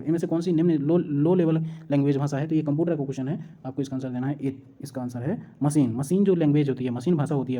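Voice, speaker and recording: Fast-talking woman tutor with a dark voice. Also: low-pitched. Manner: repeats her own questions, then answers them; checks in with "है ना" often. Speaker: exam tutor. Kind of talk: explaining exam answers.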